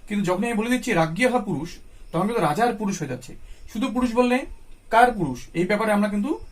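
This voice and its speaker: Talking fast in a high-pitched, expressive voice, a Bengali-accented man teaches Sanskrit grammar. He goes over every point patiently and answers the questions he poses.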